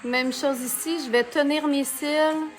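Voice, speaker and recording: A woman's voice: high voice, fairly even intonation, unhurried, faint music behind. A woman from Canada with a Quebec French accent, giving a chatty live makeup tutorial and greeting viewers by name. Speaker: makeup consultant. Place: home, under a ring light.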